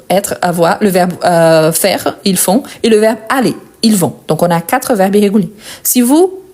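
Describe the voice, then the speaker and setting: Teaching a live French verb conjugation lesson, this woman speaks with a non-native accent in a warm, mellow voice of middling pitch. She moves slowly, saying each form twice, with little fillers and brief asides along the way.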